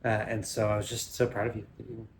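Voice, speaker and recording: A man answers his wife's questions in a casual, earnest way, pausing often with ums. His voice has a gravelly, creaky edge. A faint hum of room noise sits behind him. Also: fairly low pitch, flat delivery. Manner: earnest, hesitant with many ums. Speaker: husband being interviewed. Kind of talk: casual conversation.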